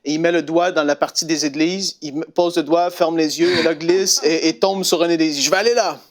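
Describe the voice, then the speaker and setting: Animated Québécois man telling a story. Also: on the high side, moderate pace. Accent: Québécois French. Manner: animated, lots of fillers and restarts, breaks into laughter. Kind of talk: casual storytelling of a testimony.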